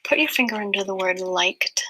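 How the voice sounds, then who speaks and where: A woman teacher leading a small-group reading lesson with young children, asking patient, slow questions. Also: mid-range voice, bright, forceful tone, slightly rough, poor audio.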